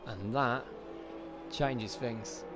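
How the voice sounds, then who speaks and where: A man with a mid-pitched voice calls a sim race in live motorsport commentary style. He follows the cars move by move, echoing his own phrases as he reacts. Loud music runs behind him along with car engine sounds. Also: very slow. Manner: reacts aloud to on-track action with repeated phrases. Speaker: esports racing commentator.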